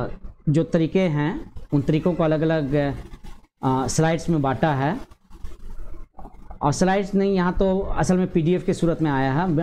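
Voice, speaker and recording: A male teacher explaining a grammar lesson to teachers and parents, measured, with frequent drawn-out hesitations and slow repeated word pairs. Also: on the high side, dark tone, a little hiss or hum.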